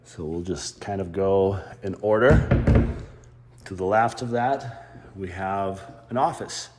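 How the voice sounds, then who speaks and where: A man's voice: deep voice, slow, noisy background. A man with a slight lisp from a dental retainer, giving an easygoing, rambling walkthrough of a house while filming on a gimbal. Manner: easygoing, rambling, self-correcting. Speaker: real estate home tour guide. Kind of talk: casual walkthrough narration. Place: inside a large house. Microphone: handheld camera on a gimbal.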